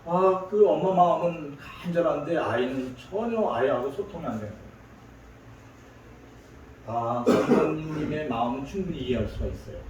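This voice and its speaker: A man's voice: a little high, lively intonation, moderate pace, background noise. A man preaching a sermon as pastor, telling stories and acting out the people in them. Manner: storytelling, acts out quoted voices. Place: large church sanctuary. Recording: echoey hall from far off.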